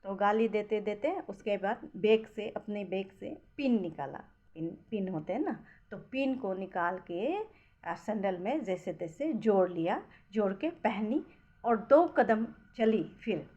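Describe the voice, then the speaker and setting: A woman telling a story slowly, with halting speech, restarts and repeated words. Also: mid-range voice, animated, mellow, muffled recording. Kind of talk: slow casual storytelling.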